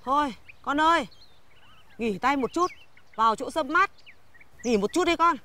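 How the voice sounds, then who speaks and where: A woman's voice: sits high, animated, measured pace, bright, forceful tone, a little hiss or hum, exaggerated voice. A middle-aged woman playing a caring peasant mother in a folk comedy TV drama, fussing over her son, with music under her lines. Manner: doting, fussing.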